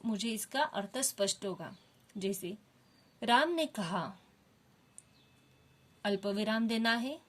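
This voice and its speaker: Slow, patient Hindi teacher woman. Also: medium pitch. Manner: slow, explaining step by step with questions to the class. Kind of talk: Hindi grammar lesson for children.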